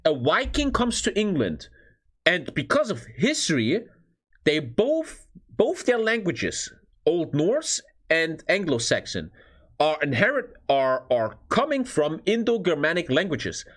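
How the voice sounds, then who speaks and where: A man from Norway with a husky voice, giving casual, excitable live reaction commentary as a streamer and swearing freely. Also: a little high, measured pace. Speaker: streamer reacting to a history video.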